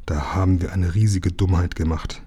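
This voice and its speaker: A man reading a children's book aloud, voicing a calm, sturdy engine driver who talks low and gruff. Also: moderate pace.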